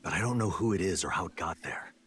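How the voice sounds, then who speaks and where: Very deep, grave special agent. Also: male voice, fast talker, a bit bright, husky, heavily acted. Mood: grave, earnest. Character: serious male special agent recounting his investigation. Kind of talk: scripted game acting. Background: music.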